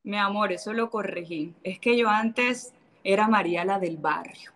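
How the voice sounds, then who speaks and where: A woman's voice: medium pitch, a bit bright. A woman from Cartagena with a Colombian Caribbean coast accent, talking bluntly and with sass as an interview guest. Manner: sassy, blunt, quick to mimic others. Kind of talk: casual interview chat.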